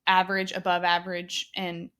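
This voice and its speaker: A woman's voice: fairly low pitch, monotone, moderate pace, a bit bright. A woman in her twenties hosting a podcast, chatting casually with lots of fillers. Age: 20s. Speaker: podcast host. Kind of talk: casual chat.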